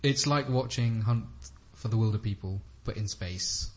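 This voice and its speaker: A man's voice: on the low side, normal speed, slightly rough. Teasing man steering a podcast chat. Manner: teasing and pushy, drives the conversation. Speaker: podcast co-host. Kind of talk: casual chat.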